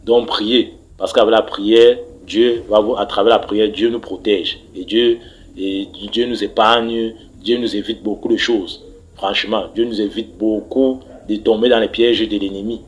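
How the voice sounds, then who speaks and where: On a low-quality recording with a little hiss or hum, a man from Cameroon speaks somewhat slowly in a low voice with fairly even intonation. His voice message tells a mystical story in a preachy tone, with stumbles and repeated words, urging listeners to pray.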